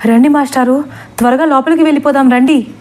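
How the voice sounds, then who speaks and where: A woman's voice: high voice, steady tone, a little fast, a little mellow, pitched above the performer's own voice, natural voice. A woman voicing a frightened middle-aged male schoolteacher who talks in a trembling, urgent way. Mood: panicked.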